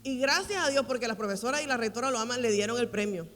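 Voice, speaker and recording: Female pastor preaching with emphatic repetition; tense, bright delivery in an echoing church hall. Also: fairly high pitch, fast, a little hiss or hum. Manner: emphatic, repeats key phrases for weight. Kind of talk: sermon at a women's conference. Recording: reverberant hall with faint music.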